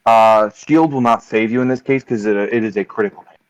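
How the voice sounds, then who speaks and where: Low-voiced man running a tabletop game. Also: clear, resonant tone, lo-fi sound. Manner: vivid, unhurried combat description with frequent ums. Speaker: game master.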